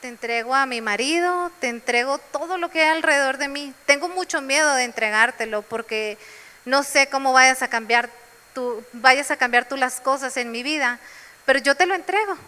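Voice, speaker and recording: A woman's voice: high-pitched, moderate pace, pushed and bright, long reverb tail. A woman preaching a sermon in a church, sharing personal testimony.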